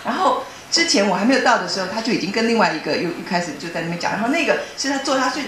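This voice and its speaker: A woman giving a personal testimony in a church hall, telling her story earnestly and excitably, often restarting her sentences. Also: medium pitch, very fast, a little hiss or hum.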